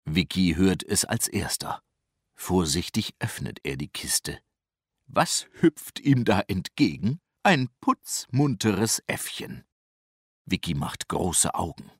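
A middle-aged man narrates a children's storybook in a low voice. He reads slowly, with a lively, widely moving pitch. The recording is dry and close. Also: husky, no room sound. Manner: lively, expressive, unhurried.

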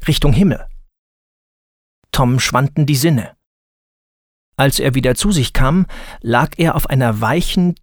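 A man narrating a scripted children's story in a calm, deliberate manner. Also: medium pitch, no echo, studio quality.

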